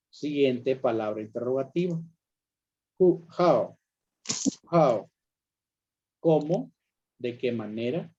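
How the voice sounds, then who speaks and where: A man with a slightly high voice, teaching at an unhurried pace. He explains patiently, repeats each example and checks that his students follow. The recording is dull and lo-fi. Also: mellow, breathy edge. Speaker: English teacher. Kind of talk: classroom lesson explaining grammar.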